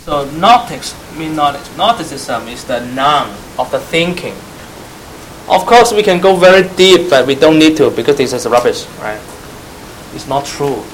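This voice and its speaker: Man teaching church history, slightly high voice. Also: expressive, moderate pace, a little hiss or hum, rough recording. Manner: spells out terms letter by letter and quizzes listeners; glosses terms in Chinese. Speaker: Bible teacher.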